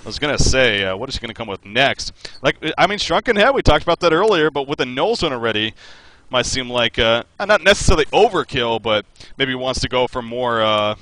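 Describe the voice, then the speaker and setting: A man's voice: medium pitch, big pitch swings, a little fast, bright, forceful tone, low-quality recording. A man casting a live game over a voice call, analysing at length with lots of fillers and hedges. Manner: hedging, talkative analysis with many fillers. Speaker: esports caster. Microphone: headset over voice call.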